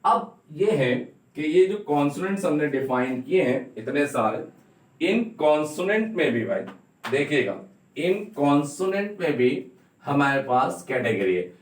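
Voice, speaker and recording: Male teacher, deliberate drilling delivery, echoey room, mic set back from him. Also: fairly high pitch, very animated, distant mic. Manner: slowly repeats and drills each sound, spells words letter by letter. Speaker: English teacher. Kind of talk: classroom-style phonetics lesson.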